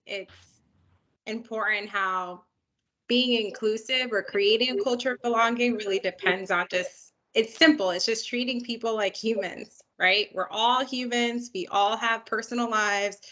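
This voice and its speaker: A woman speaking calmly and reflectively as a panelist on a video call. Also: mid-range voice, unhurried, poor audio. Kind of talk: conversational panel discussion.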